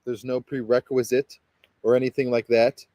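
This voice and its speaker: A man's voice: medium pitch, flat delivery, normal speed, dark tone, no echo. A man leading a guided meditation as a spiritual guide, talking in a rambling, hesitant way full of fillers and restarts.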